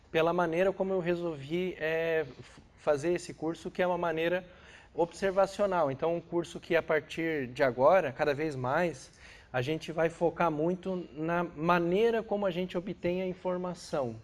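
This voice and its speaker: A Brazilian man lectures an astrophysics class at a normal speed, his voice sitting on the high side. He sounds congested with a cold and explains things didactically, dropping in short tag questions.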